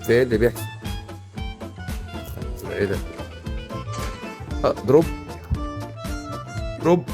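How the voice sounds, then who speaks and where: A young man with an Egyptian Arabic accent giving casual, excitable commentary over a video game he is playing. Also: medium pitch, music in the background. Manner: excitable, rapid banter and repeated exclamations. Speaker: gaming YouTuber.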